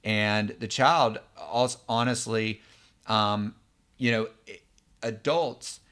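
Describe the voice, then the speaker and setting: A man's voice: on the low side, slow, fairly bright tone, smooth. A man, a psychologist, explaining a topic in a conversational way, often checking in with the listener. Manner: conversational, many fillers and check-ins. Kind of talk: explanatory lesson.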